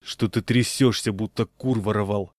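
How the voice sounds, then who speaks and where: A man voicing a burly, gruff street patrolman with a hoarse voice and a stern, mocking manner. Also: lowish voice, moderate pace, no room sound, natural voice.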